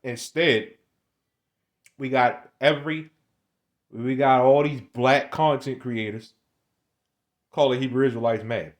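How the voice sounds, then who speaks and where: A man's voice: medium pitch, fairly even intonation, takes it slowly, pauses often. A man in his twenties giving a casual, rambling monologue, often stammering and repeating words, with street slang. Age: 20s. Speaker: online commentator.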